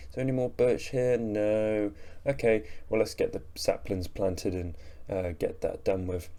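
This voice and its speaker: A man's voice: lowish voice, steady tone, measured pace, dark tone. A young man talking through his gameplay in a sleepy, rambling, self-mocking way, yawning between remarks. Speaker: gaming channel host. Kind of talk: relaxed gameplay commentary voice-over.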